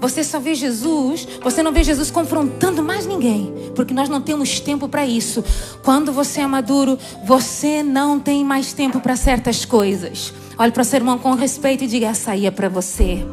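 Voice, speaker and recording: A woman's voice: high voice, normal speed, over music. A woman preaching a sermon in a church service, emphatic, telling the congregation to repeat phrases to each other.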